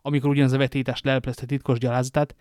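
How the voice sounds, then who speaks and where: A man voicing a cold, grim nobleman in a storybook reading, speaking low and measured. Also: level tone, darkish tone, no room sound, studio quality, close to an everyday voice. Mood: accusing.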